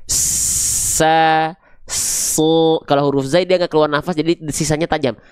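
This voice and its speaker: A man teaching Quran recitation, patiently repeating and drilling syllables slowly. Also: on the high side, steady tone, clear, resonant tone, dry recording, clean studio sound. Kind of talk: online pronunciation lesson.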